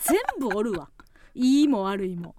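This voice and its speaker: A woman's voice: mid-range voice, expressive, unhurried, background noise. A woman with an Osaka Kansai accent, hosting a radio show in casual banter. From Osaka, Japan. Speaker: radio host, comedian.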